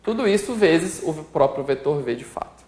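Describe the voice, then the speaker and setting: A man's voice: fairly high pitch, animated, normal speed, a little mellow, slight background noise. A man with a Brazilian Portuguese accent who teaches a calculus lesson step by step, working through sums as he writes them out and checking in with the listener often. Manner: works through sums while writing them out. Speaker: math instructor. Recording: roomy echo.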